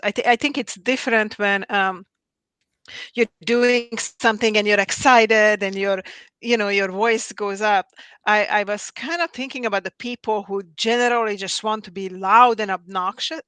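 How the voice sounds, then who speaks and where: Female host, casual and hesitant, dry close sound, mid pitch. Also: a bit bright, clear, resonant tone, dry recording. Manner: casual, hesitant with repeated restarts. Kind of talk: live video conversation.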